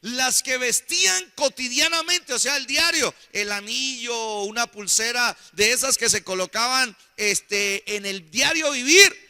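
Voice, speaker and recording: A man preaches a fervent sermon in a church hall. His voice sits high and bright, and he calls out to the congregation for amens. Long reverb from the hall trails each phrase. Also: measured pace, hardly any pauses, smooth. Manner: preaching fervently, calling for amens, rising to near shouts. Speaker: pastor.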